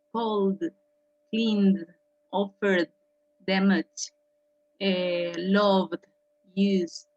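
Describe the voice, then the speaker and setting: Slow, patient woman teacher. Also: mid-range voice, gravelly. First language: Spanish. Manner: slow and patient, checks in with "ok?" constantly. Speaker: English teacher. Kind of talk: classroom lesson explaining pronunciation. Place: classroom. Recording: dull lo-fi classroom recording.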